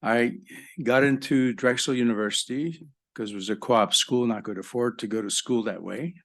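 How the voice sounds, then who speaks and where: A man's voice: medium pitch, moderate pace, fairly bright tone. An older man born in Egypt, a professor giving a live conference talk in a conversational way with joking asides to the audience. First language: French.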